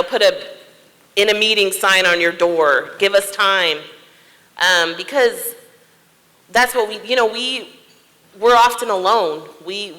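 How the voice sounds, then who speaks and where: A man talks casually and a bit hesitantly as a social worker on a conference panel. His voice is high and very bright. The sound carries the long reverb of a large hall. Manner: warm, hesitant, filler-heavy.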